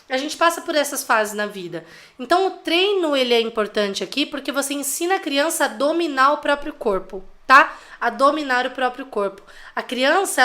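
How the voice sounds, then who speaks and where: A bright, clear-toned Brazilian woman teaches parents on a live stream. She talks in a chatty, teasing way, tosses in quick tag questions, and keeps a friendly, slightly high voice throughout. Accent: Brazilian Portuguese. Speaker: parenting educator.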